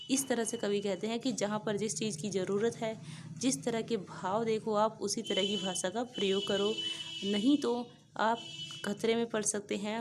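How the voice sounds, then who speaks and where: A woman's voice: medium pitch, background noise. A woman explaining a school poem step by step, often restating each point in simpler words. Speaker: teacher.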